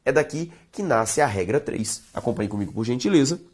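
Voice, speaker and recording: A teacher with a Brazilian Portuguese accent leads an online grammar lesson, speaking a little fast in a slightly rough voice. She's expressive, her pitch moving a lot, and she lingers on stressed words as she talks directly to her students.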